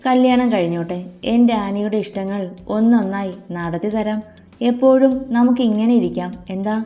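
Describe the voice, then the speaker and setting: A woman's voice: mid-range voice, normal speed, warm tone, close to an everyday voice. A woman voicing a sweet-talking young man who dotes on his fiancée, tender and coaxing.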